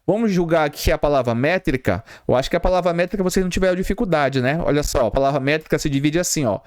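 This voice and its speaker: A man's voice: on the high side, fast talker, clear, resonant tone. A Brazilian Portuguese man teaching a grammar lesson for exam prep, explaining step by step and asking and answering his own questions.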